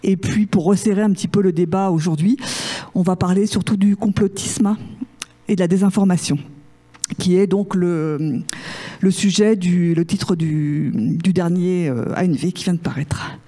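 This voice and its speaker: A woman's voice: on the low side, normal speed, warm tone. A woman moderating a public debate in a bar, introducing the organizers and the guest in a hesitant way. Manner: hesitant, many fillers and restarts. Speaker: event moderator. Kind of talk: conference introduction.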